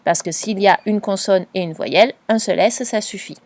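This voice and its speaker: A woman teacher giving a patient, clearly spoken dictation lesson to a young pupil, spelling out letters and sounds. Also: mid-range voice, normal speed, a little mellow. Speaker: primary school teacher.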